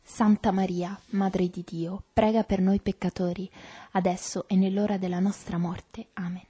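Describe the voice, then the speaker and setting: A woman leading a recited rosary prayer in a soft, even, devotional way. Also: mid-range voice, moderate pace, breathy edge. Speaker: prayer leader.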